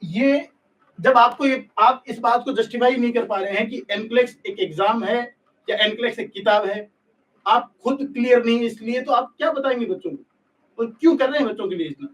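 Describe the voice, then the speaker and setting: Male exam coach on a live stream, candid and scolding, high voice, sits back from a lo-fi mic. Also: a little fast, far from the mic. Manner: blunt, scolding, talks directly to students. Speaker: nursing exam coaching teacher. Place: live online class.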